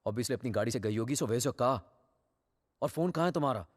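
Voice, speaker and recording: An actor playing a worried, short-tempered young husband, talking urgently and mixing Hindi and English. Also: male voice, medium pitch, brisk, dry recording, studio quality, close to an everyday voice. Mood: exasperated questioning. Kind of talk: film drama acting.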